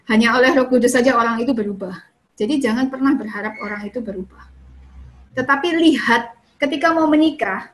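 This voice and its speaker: A woman's voice: high voice, a bit bright. A woman speaking at a church fellowship in a chatty advice talk, often asking questions and answering them herself. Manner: chatty, often ends points with "kayak gitu" and "gitu ya"; asks the listeners questions and then answers them. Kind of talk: casual advice talk on dating and marriage.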